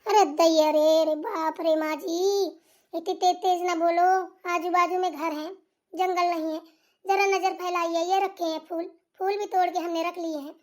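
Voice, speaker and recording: Patient cartoon daughter-in-law, high voice, calming and explaining, as a woman voices her. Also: moderate pace. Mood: soothing. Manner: pleading, soothing, explaining. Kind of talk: voice acting for a comedy cartoon.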